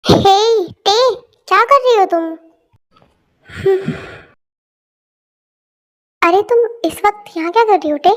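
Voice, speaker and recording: A woman's voice: extremely high pitch, slow, long pauses. A woman voicing a playful, caring young man. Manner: teasing, reassuring.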